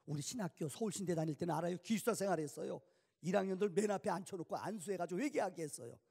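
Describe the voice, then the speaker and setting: Gravelly Korean preacher in reverberant church. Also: male voice, fairly high pitch. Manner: conversational, asks the congregation questions, bursts to shouting. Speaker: guest revival preacher. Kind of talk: revival sermon. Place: church sanctuary. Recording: long church hall reverb.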